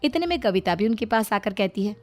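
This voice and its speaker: A woman narrating a cartoon family story in an even, storytelling manner. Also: mid-range voice, fairly quick, soft background music.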